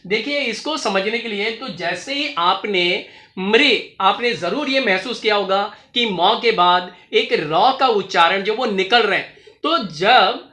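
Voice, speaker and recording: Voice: mid-range voice, lively intonation, a little slow, sharp tone. A teacher explaining a grammar lesson patiently, repeating each point and stepping through examples. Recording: echoey room.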